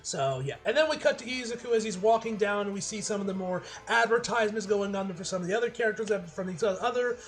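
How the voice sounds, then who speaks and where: Reviewing an episode, a high-voiced man speaks quickly, rambling casually like an excitable fan in loose slang with lots of swearing. He is an anime reviewer and a native English speaker, and faint music plays in the background.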